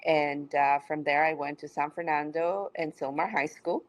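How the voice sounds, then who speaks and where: A middle-aged woman from Mexico, a city manager, answering interview questions in a measured, explanatory way. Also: low-pitched, fairly even intonation, poor audio. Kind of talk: podcast interview.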